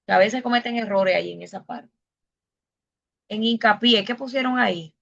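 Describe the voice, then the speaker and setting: A woman's voice: mid-range voice, moderate pace, creaky, a bit bright, dull audio. A woman teacher leading an online class, patiently asking questions and explaining step by step.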